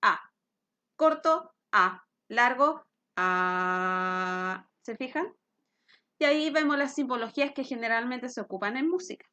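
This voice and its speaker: A woman's voice: high voice, moderate pace, a bit bright. A middle-aged woman, teaching a physics lesson and checking in with her students as she explains. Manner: patient, explains with questions to students.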